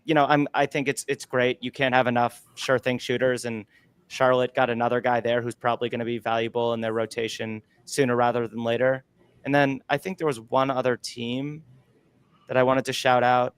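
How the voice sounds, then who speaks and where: A man's voice: medium pitch, clear, resonant tone, no room sound. A man co-hosting a livestreamed podcast, giving upbeat, analytical draft takes into a close microphone. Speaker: podcast co-host.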